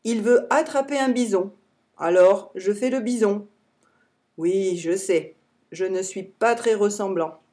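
A woman's voice: medium pitch, a little slow, dark tone, close to an everyday voice. A woman voicing a timid young male friend in a storybook, hesitant and wry.

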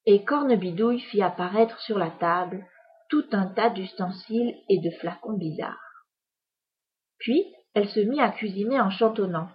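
Woman storyteller, soft husky narration, unhurried, dull recording. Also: medium pitch. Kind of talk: storybook reading aloud.

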